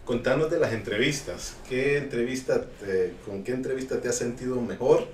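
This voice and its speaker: A man, a podcast host asking relaxed questions and giving brief backchannels. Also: mid-range voice, moderate pace, far from the mic, a little hiss or hum. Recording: roomy, off-mic, faint ambience.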